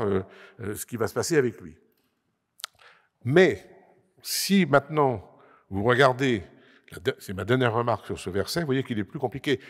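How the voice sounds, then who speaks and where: A man with a medium-pitched, husky voice gives an explanatory, lecture-style talk to an audience on a conference panel in an assembly hall. He is emphatic but hesitates and restarts often, and the recording has the long reverb of a large hall.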